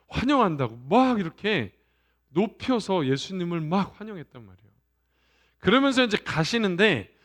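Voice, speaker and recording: A male pastor giving a Sunday sermon, animated, asking the congregation questions and trailing off softly at the ends of phrases. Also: fairly high pitch.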